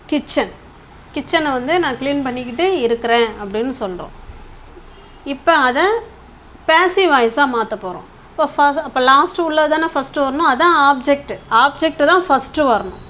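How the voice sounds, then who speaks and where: A woman's voice: high voice, fairly bright tone, slight background noise. A woman, teaching English grammar in a patient lesson style. She often checks in with "okay?" and stretches words out while writing.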